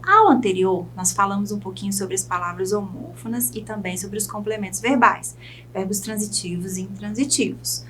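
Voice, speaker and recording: A woman teacher with a Brazilian Portuguese accent giving a recorded video lesson, speaking clearly and dictating words slowly for students to write down. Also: mid-range voice, fairly bright tone, slight background noise.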